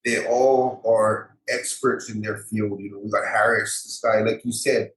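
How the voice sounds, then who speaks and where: A man's voice: on the low side, steady tone, measured pace, fairly bright tone. A man with a local Hawaiian accent chatting casually as an interview guest, repeating phrases and using colloquial grammar. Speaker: MMA fighter and gym owner, podcast guest. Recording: echoey roomy sound.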